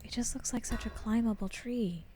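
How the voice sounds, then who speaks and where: A woman's voice: a little high, moderate pace, mellow, slight background noise. A woman giving chatty gameplay commentary as a let's play host, talking herself through things in a flustered way. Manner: chatty, flustered self-talk.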